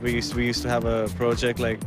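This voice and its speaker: Flat-voiced man recalling a story. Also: medium pitch, a little fast, music in the background. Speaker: passer-by. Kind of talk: vox pop interview.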